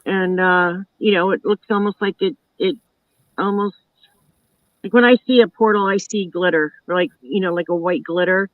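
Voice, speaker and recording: A woman's voice: lowish voice, normal speed, no room sound. A woman hosts a live online show in a loose, chatty way, piling on "you know" and "like" as she goes. The sound is dull and lo-fi. It is also dry, with no room around her. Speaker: host.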